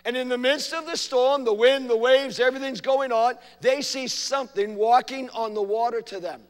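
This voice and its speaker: A man preaching a sermon as pastor, swinging between hushed asides and loud, emphatic lines. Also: very high voice, steady tone, moderate pace, clear, resonant tone, long reverb tail. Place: church sanctuary.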